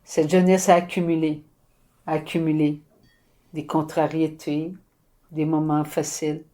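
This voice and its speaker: Slow, hushed Québécois woman. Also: sits low, flat delivery. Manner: slow, halting phrases with soft whispered asides. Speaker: spiritual medium. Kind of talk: inspired prophetic message.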